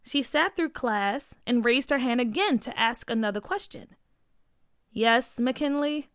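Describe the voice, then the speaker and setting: A woman narrating a children's story in a clear, measured read-aloud manner. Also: a little high, lively intonation, a bit bright, no echo, clean studio sound.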